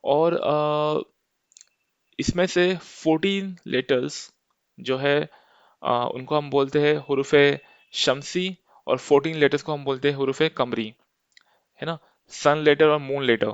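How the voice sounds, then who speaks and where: A man's voice: on the high side, unhurried, clear, resonant tone, no echo, lo-fi sound. A man teaching an Arabic lesson step by step, patient and often checking in with his listeners.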